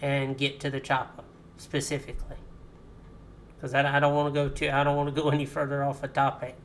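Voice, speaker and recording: A man with a mid-pitched, very even and flat voice talks practically in a casual podcast chat. He moves the talk back to the audience. Faint hiss sits behind him. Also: a little fast.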